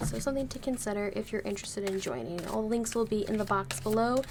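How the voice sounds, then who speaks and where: A woman reading tarot cards for her viewers in a casual, unhurried way, her voice a little hoarse from being sick, speaking slowly and gently to spare it. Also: mid-range voice, expressive, noisy background. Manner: slow, gentle, careful with her voice. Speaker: tarot reader.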